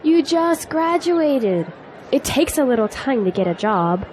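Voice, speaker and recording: Faint noise and outdoor crowd ambience surround a young adult actress voicing a spirited female graduate in a scripted audio drama. Her voice sits high, is very animated and a little mellow, and unfolds unhurriedly, with a tone that is teasing yet earnest.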